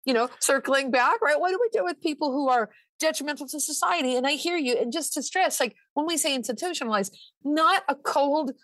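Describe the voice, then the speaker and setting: A woman's voice: high voice, a little fast, fairly bright tone, no echo, low-quality recording. A woman author being interviewed, speaking emphatically and repeating words to drive points home. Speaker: author and researcher guest. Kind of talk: conversational interview.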